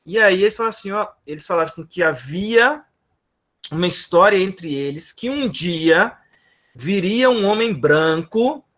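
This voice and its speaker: Lively high-voiced Brazilian Bible teacher. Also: male voice, normal speed. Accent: Brazilian Portuguese. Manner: animated storyteller, acts out dialogue, frequent "né?" and "gente". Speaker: Sunday school teacher. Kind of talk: Bible class teaching with storytelling. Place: church classroom.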